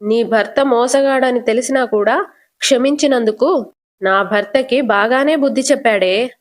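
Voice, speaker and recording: Woman doing sharp-tongued older aunt, scornful, taunting, fairly high voice. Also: unhurried, lightly acted.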